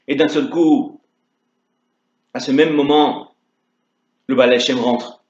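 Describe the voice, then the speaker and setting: A man teaching Torah through a dramatic story, moving between hushed narration and loud calls. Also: mid-range voice, steady tone, slow. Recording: dull lo-fi sound in an echoey room.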